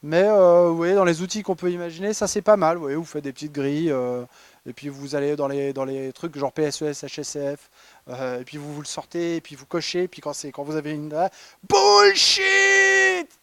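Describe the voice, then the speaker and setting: A man's voice: fairly high pitch, steady tone, brisk, a little mellow, no echo. A man presenting a humorous award talk at a conference, ironic and chatty with many fillers and restarts. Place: conference hall.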